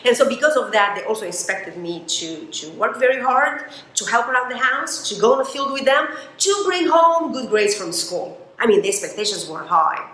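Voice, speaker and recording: A woman from Romania, giving a motivational talk in an emphatic, expressive storytelling manner. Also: fairly high pitch, moderate pace, reverberant, rough recording. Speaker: motivational speaker.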